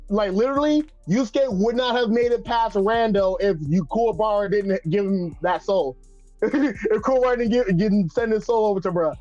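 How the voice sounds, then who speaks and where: A man co-hosting a podcast in casual chat, animated and joking, with lots of fillers. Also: high voice, dry recording. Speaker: podcast co-host. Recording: muffled dry recording.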